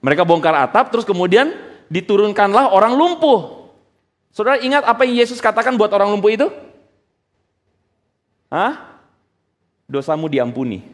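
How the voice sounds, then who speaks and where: A man preaching a sermon in an animated way, full of rhetorical questions and casual slang, in a church hall. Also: high voice, normal speed, long pauses. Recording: long hall reverb.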